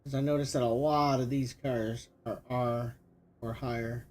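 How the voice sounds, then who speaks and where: A man's voice: mid-range voice, fairly even intonation, measured pace, darkish tone. A middle-aged man giving casual commentary while he plays, thinking aloud with lots of fillers. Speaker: gaming streamer.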